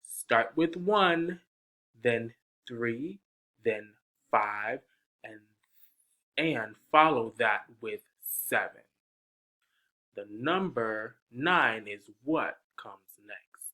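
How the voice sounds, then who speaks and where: A man reads a picture book aloud to young children, counting along and coaxing them with questions in a slow, sing-song manner. His medium-pitched voice is expressive, pushed, and bright.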